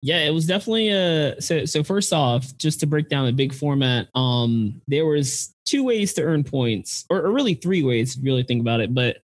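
A man's voice: on the high side, lively intonation, normal speed, few pauses, no room sound. A man co-hosting a casual podcast, explaining rules step by step. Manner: explanatory, breaks down details with restarts. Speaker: podcast co-host.

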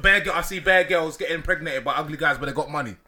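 A man's voice: on the high side, fast, a loud crowd. A man with a London street accent and slang, bantering casually in a group and firing challenging questions. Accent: London, urban street slang style.

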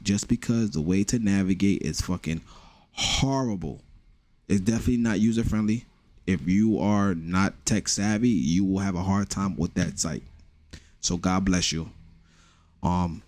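Hosting his own laid-back podcast, a young Bronx native with a New York accent cracks blunt, profane jokes. He has a deep, slightly mellow male voice, recorded with no room sound.

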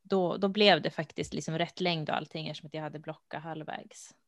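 A woman co-hosting a casual chat, speaking in a relaxed, thoughtful way with hesitant fillers. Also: low-pitched, dry recording. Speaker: podcast co-host. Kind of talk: casual chat about knitting.

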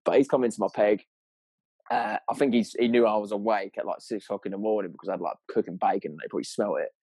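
A man's voice: lowish voice, fast talker, warm tone, slightly rough, no echo. A man with a southern English accent telling anecdotes in casual, sweary, slangy chat, rambling along in a matey way.

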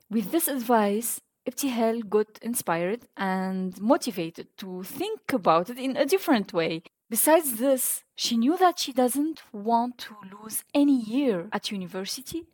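A woman's voice: on the high side, darkish tone. A woman with a Tunisian North African accent narrating a scripted piece as a podcast host.

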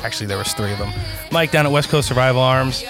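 A man's voice: medium pitch, fast. Male podcast host over music. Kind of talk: casual talk show hosting with sponsor reads.

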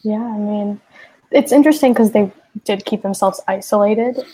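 A woman giving soft, short replies in a casual fan podcast chat. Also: mid-range voice, moderate pace, husky, low-quality recording. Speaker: podcast guest or co-host.

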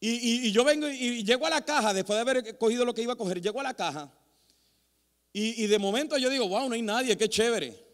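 A man preaching as a pastor, telling animated, self-mocking stories with many restarts. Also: very high-pitched, fast. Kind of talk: storytelling sermon. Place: church sanctuary. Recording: long hall reverb in a church.

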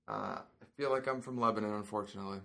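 A young man from Indiana who is training as a chef, chatting as a podcast guest in a relaxed, laughing way with lots of hesitations. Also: lowish voice, fast, creaky. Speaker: podcast guest, culinary student. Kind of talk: casual chat.

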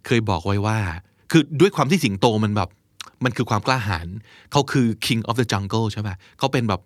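A young man hosting an English vocabulary lesson, chatting casually and explaining quotes with lively asides. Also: fairly low pitch, moderate pace, no room sound, clean studio sound. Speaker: English vocabulary show host. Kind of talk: casual teaching chat.

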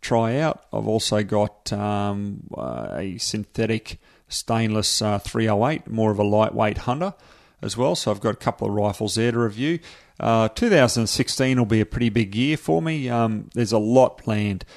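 An Australian man, a product reviewer appearing as a podcast guest, chats in a laid-back, blokey way with hesitant phrasing. His voice is fairly low, gravelly and a little mellow, with lively intonation at a normal pace.

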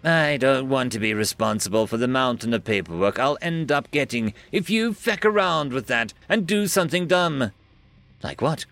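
Man playing a tired, deadpan male officer for an audio story; lively pitch, dry sound. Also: moderate pace, vocal fry, dry recording, faint music behind. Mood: stern. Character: weary, sardonic man, ship officer.

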